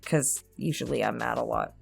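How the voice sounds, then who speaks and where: With a very deep, gravelly, slightly rough voice at a moderate pace, a woman works through subscriber questions as an online creator. The casual Q&A is candid and self-deprecating, her language freely sweary, over soft background music.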